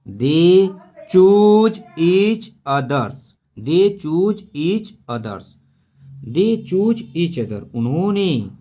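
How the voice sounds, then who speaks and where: A man's voice: on the high side, a little mellow. A man teaching English-to-Hindi translation, going over each word again and again and asking his listeners questions as he explains. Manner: slow, repeating each word many times while explaining; asks students rhetorical questions.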